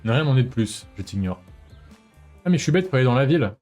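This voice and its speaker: A young man giving casual, animated commentary while streaming a game, often exclaiming and talking to himself. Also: mid-range voice, very fast, soft background music.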